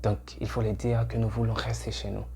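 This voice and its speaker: A Haitian host who speaks Haitian Creole natively gives a scripted, earnest and urging talk to camera, hesitating throughout. He speaks briskly in a lowish, warm voice with little pitch movement, and there's slight background noise.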